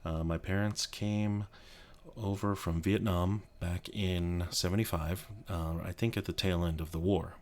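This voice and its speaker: A man in his thirties from Colorado, chatting quietly and rambling in a soft-spoken ASMR video from his home office, with many restarts. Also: low voice, steady tone, measured pace. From Colorado, USA. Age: 30s. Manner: speaking quietly so as not to wake a child. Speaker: YouTube creator.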